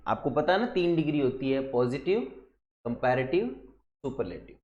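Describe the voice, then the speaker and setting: A man's voice: medium pitch, a little mellow, roomy sound. A man from India, an English teacher, explaining grammar for exam preparation step by step, asking rhetorical questions and mixing English terms into his talk. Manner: mixes Hindi with English terms. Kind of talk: exam-prep grammar lesson.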